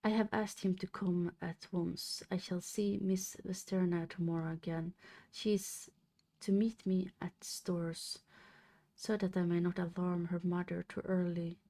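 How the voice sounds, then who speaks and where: A young woman streamer reading a classic novel aloud on a live stream. She reads haltingly, stumbling over and restarting words. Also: lowish voice, fairly even intonation, warm tone.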